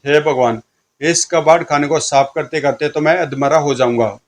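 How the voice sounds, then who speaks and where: A man's voice: fairly high pitch, moderate pace, natural voice. A man doing a giggly mischievous constable. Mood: scheming. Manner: sniggering, teasing, cheeky.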